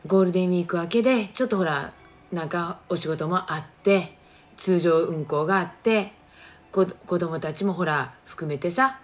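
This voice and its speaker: A woman's voice: lowish voice, normal speed. A middle-aged woman with a Kagoshima accent, chatting casually on a phone livestream and greeting viewers by name. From Japan, Kagoshima. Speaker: livestream host reading viewer comments.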